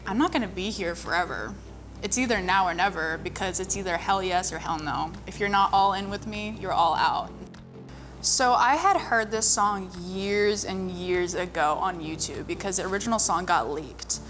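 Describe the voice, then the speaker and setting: A young woman who sings and models chats casually about her music, her slightly bright voice sitting on the low side at a moderate pace. She tells personal stories and leans heavily on "like" as a filler, with music playing underneath.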